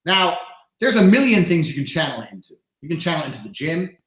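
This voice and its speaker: Male interview guest, blunt and profane, lively delivery, echoey room. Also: on the high side, quick pace. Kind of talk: casual interview talk. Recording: roomy echoey sound.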